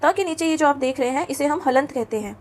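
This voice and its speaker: A woman's high, light voice guides a classroom of children through a lesson with patient coaxing. She frequently checks in by asking questions, slips English words into her talk, and carefully slows to sound out every letter.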